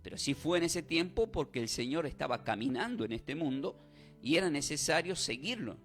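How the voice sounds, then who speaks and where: A man's voice: fairly high pitch, a bit bright. A man preaching a sermon, asking rhetorical questions and leading call-and-response.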